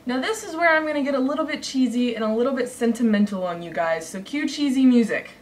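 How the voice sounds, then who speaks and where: A young woman gushing excitedly to camera in a survey vlog, heard a little away from the mic. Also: high voice, fast, distant mic, slight background noise. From United States. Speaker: YouTuber.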